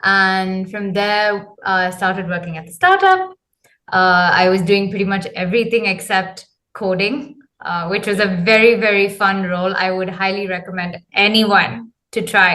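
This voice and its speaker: A woman's voice: medium pitch, a bit bright. Woman, thirties, from Zambia, life coach, casual interview, hesitant, filler-heavy. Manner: hesitant, many ums and uhs. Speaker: guest, men's clarity coach.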